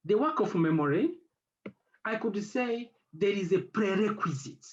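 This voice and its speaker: On an academic panel, the head of an institute, a native French speaker, talks haltingly, pausing to search for words and using many fillers. His voice sits a little high with lively, widely moving pitch, and the recording sounds dull and lo-fi.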